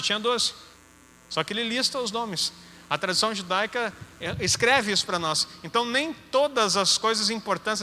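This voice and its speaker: Bright-voiced Gaúcho preacher in a hall. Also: male voice, high voice. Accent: Gaúcho Brazilian Portuguese. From Rio Grande do Sul, Brazil. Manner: conversational, joking asides. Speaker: apostle preaching. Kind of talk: teaching sermon. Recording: hall reverb with faint music.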